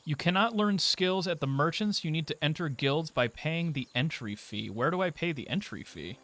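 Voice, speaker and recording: A man's voice: fairly high pitch, animated, moderate pace, a bit bright, slight background noise. A man giving sarcastic, joking commentary as he plays a game live. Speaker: streamer.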